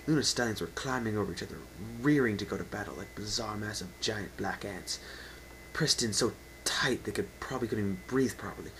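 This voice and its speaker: This dramatic story reading comes from a man with a fairly low, slightly bright voice who delivers it briskly, theatrically and emphatically, without polish or editing. It's a rough amateur home recording with faint background noise.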